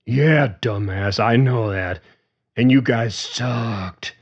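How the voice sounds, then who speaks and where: A man voicing a drunk, jealous young ex-boyfriend who slurs and half-shouts his words. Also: medium pitch, slow, husky, highs cut off, voice pushed up. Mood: slurring hostile. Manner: slurred, belligerent, half-shouting.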